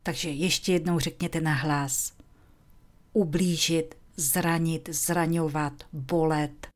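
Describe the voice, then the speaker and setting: A woman teaching English, speaking slowly and clearly, and sometimes dropping into a whisper to model phrases. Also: deep voice, fairly even intonation. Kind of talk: slow, deliberate language lesson.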